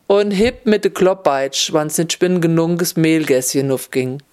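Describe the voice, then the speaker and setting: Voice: mid-range voice, measured pace, darkish tone, smooth, lightly acted. Aggrieved old donkey, read by a narrator.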